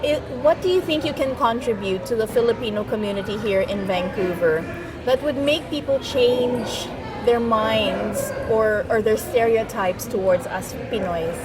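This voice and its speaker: A woman's voice: on the high side, normal speed, a crowd in the background, rough recording. A woman hosting an interview, asking questions and backing up the guest with frequent "mm-hmm". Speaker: interviewer host. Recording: music playing behind.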